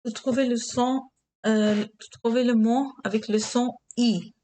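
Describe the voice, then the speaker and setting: A woman teaching beginner French, giving English glosses and repeating key words slowly. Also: on the high side, steady tone, warm tone. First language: Hindi.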